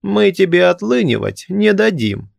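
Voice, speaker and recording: A man voicing a bossy old dead man with a creaky, shrill voice who shouts orders at a living guest. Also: very animated, unhurried, no room sound, clean studio sound, exaggerated voice. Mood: gleeful shouting.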